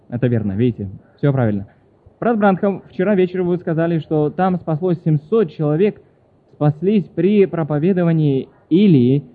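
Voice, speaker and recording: Male preacher on a tinny line. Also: a little high. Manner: reads questions aloud and answers them, with frequent apologies and self-corrections. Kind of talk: sermon answering questions. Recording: tinny phone-like sound.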